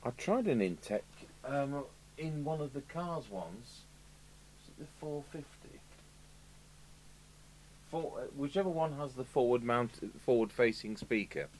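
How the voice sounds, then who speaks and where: A UK man with an English accent, medium pitch and a darkish tone muses aloud to himself at an indoor electronics repair workbench, rambling casually like a radio repair technician. The audio is poor, with clear background noise and electrical hum.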